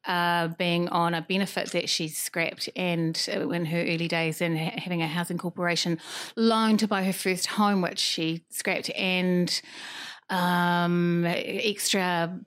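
A woman's voice: on the low side, flat delivery, a little slow, fairly bright tone, clear, resonant tone. A woman co-hosts a casual podcast, speaking in a colloquial, sardonic way. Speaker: podcast co-host. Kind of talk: casual, joking panel chat.

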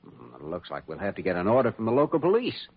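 An actor playing an earnest, firm doctor in an old-time radio drama, measured and authoritative. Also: male voice, fairly low pitch, huge pitch swings, husky, exaggerated voice. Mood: insistent. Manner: authoritative, measured, reassuring to insistent. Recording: dull lo-fi old radio recording.

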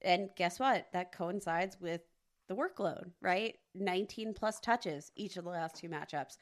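A woman's voice: lowish voice, measured pace. A woman co-hosting a casual sports podcast, talking emphatically and teasing her co-host, with many fillers.

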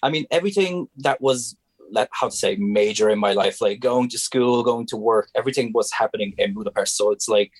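A man's voice: on the low side, fairly quick, breathy edge, no echo. A young man from Hungary, a native Hungarian speaker with a Hungarian accent, talking as a guest in a casual interview and often restarting his sentences as he searches for words.

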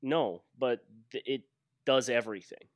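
A man's voice: medium pitch, a little slow, dry recording. A man co-hosting a sports podcast in casual chat, explaining things point by point. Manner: explains in ticked-off lists. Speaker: podcast co-host.

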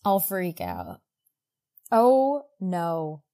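A woman co-hosting a podcast talks extremely slowly in a lowish voice while recapping a book. Her delivery is still casual, animated and exclamatory, peppered with "like".

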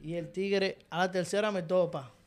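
This man's high-pitched voice moves at normal speed as he, a co-host on a podcast, spins casual comic tales. He has a Dominican Spanish accent and stays animated, laughing his way through each story.

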